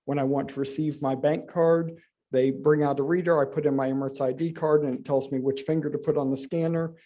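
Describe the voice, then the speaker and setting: A man's voice: on the high side, little pitch movement, brisk, dark tone. A man from the United States speaking on a conference panel in a conversational way, with frequent fillers. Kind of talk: panel discussion. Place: conference stage.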